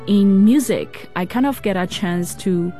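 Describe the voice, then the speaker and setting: A woman's voice: mid-range voice, dark tone, faint music behind. A woman from China, an opera singer, speaking thoughtfully about her idol and singing. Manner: thoughtful, unhurried.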